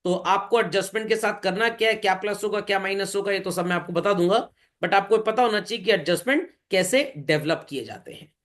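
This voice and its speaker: A man gives an accounts lecture to his class in a high-pitched, brisk, fairly bright voice with few pauses. As he explains, he asks questions and answers them himself, mixing Hindi and English and calling listeners bhai and children.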